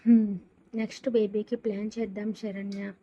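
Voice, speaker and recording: A woman's voice: mid-range voice, flat delivery, moderate pace, dark tone, no echo, natural voice. A woman narrator voicing a blunt older brother who sounds exasperated. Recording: dull lo-fi sound.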